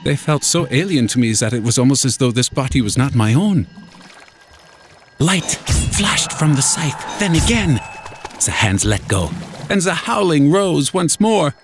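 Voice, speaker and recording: Over background music, a man tells a first-person horror story in a dramatic, scripted storytelling style. His voice is a little high and sing-song, and he speaks a little slowly.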